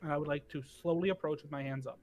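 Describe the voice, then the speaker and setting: A man's voice: a little high, steady tone, fast, a little mellow, slight background noise. A man playing a tabletop game, improvising his character's actions and speech. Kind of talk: in-character improvised role-play.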